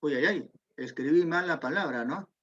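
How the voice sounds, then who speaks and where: A man's voice: fairly high pitch, moderate pace, fairly bright tone. A man teaching a geometry class online, patiently explaining step by step and asking students questions. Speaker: secondary school math teacher. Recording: dull lo-fi audio.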